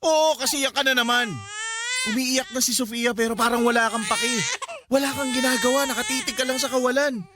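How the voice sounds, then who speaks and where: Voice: high voice, fairly quick, heavy background noise, close to an everyday voice. An actor playing a young husband and father in a radio drama, choked up and pleading. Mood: angry, crying.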